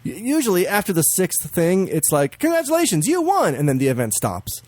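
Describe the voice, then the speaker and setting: A man co-hosting a podcast in casual chat, swearing freely, laughing often and jumping into high silly voices to mimic games. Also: big pitch swings, normal speed, a little mellow, no room sound. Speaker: podcast co-host.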